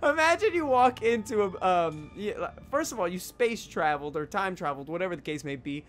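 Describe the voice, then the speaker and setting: Faint music plays behind a young man whose voice sits high and moves a little fast. He's a gaming YouTuber doing let's-play commentary, animatedly joking, reacting to the game and talking to viewers.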